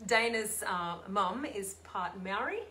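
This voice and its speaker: An Australian woman hosts a sing-along, chatting casually and giggling between hymns as she introduces the small group gathered in a room with a piano. Her medium-pitched voice is lively, slow, pushed and bright. The echoey recording includes music and slight background noise.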